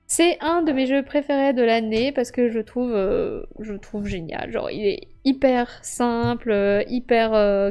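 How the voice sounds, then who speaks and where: A woman's voice: on the high side, mellow. A woman streamer chatting casually about her favorite board games, bubbly and laughing often as she acts out little scenes. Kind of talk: casual live-stream game review. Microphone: streaming microphone.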